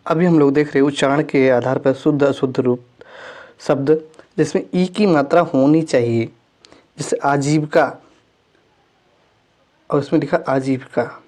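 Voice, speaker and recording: A man teaching a spelling lesson in a voice pitched a little above the usual. He reads each word slowly and says it twice. He corrects his own slips as he works through the list. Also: darkish tone. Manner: repeats each word twice, slow and deliberate, self-correcting. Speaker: Hindi grammar teacher. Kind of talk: exam-prep lesson, reading word lists.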